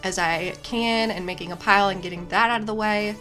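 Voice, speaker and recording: A woman's voice: mid-range voice, steady tone, brisk, loud music behind the voice. Chatty woman vlogging her garden. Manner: chatty, with frequent "like" fillers. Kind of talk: casual vlog chat and voice-over.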